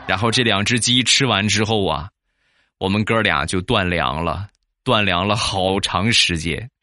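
A man's voice: sits low, moderate pace, bright, forceful tone, faint music behind. Chatty man telling funny anecdotes. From Shandong, China. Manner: chatty, asks listeners for agreement. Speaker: comic storyteller. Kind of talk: comic anecdote narration.

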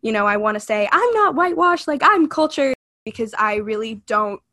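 With fairly high pitch, lively intonation, and a bright, forceful tone at moderate pace, a young woman from California co-hosts a casual podcast chat. She's earnest and reflective, often saying "like" and "you know".

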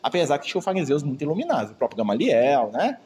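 A man's voice: on the high side, big pitch swings, quick pace, darkish tone. A man with a chatty manner, giving an informal Bible study lecture. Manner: chatty, keeps asking "né?". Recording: long hall reverb.

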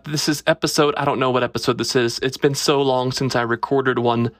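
A man's voice: mid-range voice, little pitch movement, fairly quick, no room sound, studio quality. A man hosting a casual solo podcast, talking in a wry, conversational way, recorded on a phone microphone held up to his face. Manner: conversational, wry and self-deprecating. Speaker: podcast host.

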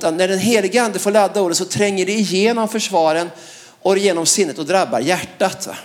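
High-voiced preacher, emphatic and lively. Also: male voice. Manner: lively and emphatic, laughs between phrases, frequent "va?". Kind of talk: sermon.

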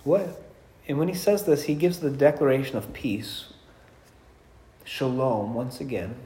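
A man's voice: medium pitch, animated, measured pace, dark tone. A man preaching a sermon as pastor, telling stories with humor and acting out the quotes. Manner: storytelling, acts out quotes with humor. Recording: echoey room.

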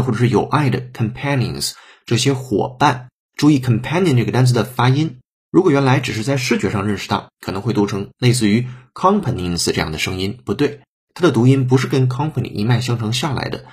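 A man's voice: mid-range voice, slightly rough. A man teaching an English lesson, breaking sentences down step by step and sometimes spelling words out letter by letter. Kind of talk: explanatory language lesson.

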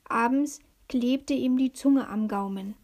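A woman reading a children's story aloud in a calm, unhurried storytelling manner. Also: on the high side. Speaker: narrator.

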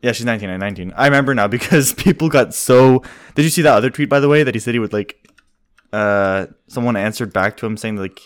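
A man's voice: medium pitch, fast talker, dry recording, clean studio sound. A young man co-hosting a casual podcast chat, rambling, swearing often and laughing. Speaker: podcast co-host.

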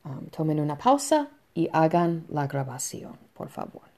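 A woman teaching a Spanish lesson to students, explaining slowly and patiently with soft fillers between points. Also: low voice, big pitch swings. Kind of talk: recorded online lesson.

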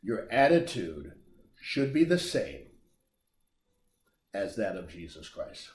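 A man preaching a sermon, emphatic and animated, rising and dropping his voice for effect. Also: on the low side, takes it slowly, reverberant. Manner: animated, emphatic preaching with big swings in loudness.

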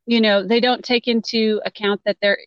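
A woman's voice: fairly high pitch, fairly even intonation, normal speed, smooth, dry recording, highs cut off. A woman with a Southern Texan accent, a guest on a podcast, chatting in an easygoing way and laughing often. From Texas. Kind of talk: casual podcast chat.

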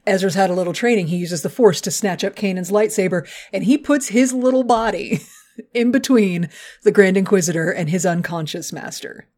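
A woman co-hosting a podcast, recapping a cartoon episode in an animated, joking, profane way. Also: mid-range voice, moderate pace. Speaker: podcast co-host.

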